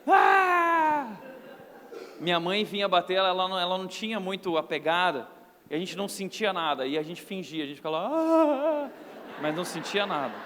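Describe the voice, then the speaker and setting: A pastor with a Brazilian accent preaching a sermon in a church, animated and humorous as he tells stories. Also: high-pitched, fast talker, slight background noise. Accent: Brazilian Portuguese. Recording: reverberant church hall.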